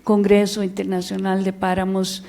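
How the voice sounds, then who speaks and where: A woman from Costa Rica with a Costa Rican accent, speaking as a panelist in a measured way and pausing often with filler sounds. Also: medium pitch, completely flat delivery, gravelly, dark tone. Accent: Costa Rican Spanish. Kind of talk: panel discussion remarks.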